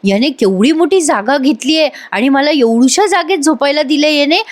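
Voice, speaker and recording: A woman's voice: sits high, expressive, normal speed. A woman voicing a feisty, stubborn young wife who answers back sharply in a retold serial scene. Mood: defiant. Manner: sharp, defiant.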